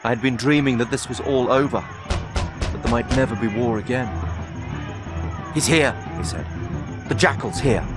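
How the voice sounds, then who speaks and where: A man's voice: mid-range voice, moderate pace, long pauses, close to an everyday voice. A man playing a grave, valiant knight in a dramatic game monologue, earnest and intense. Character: grave, valiant knight recounting a desperate night attack. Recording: music behind the voice. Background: music.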